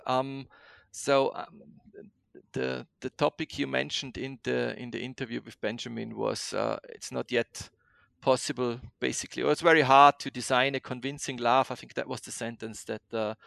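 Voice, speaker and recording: A man's voice: medium pitch, gravelly, a bit bright, no echo. A man hosting a podcast interview, asking questions hesitantly with many ums and uhs. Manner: hesitant, filler-heavy questioning. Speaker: podcast host.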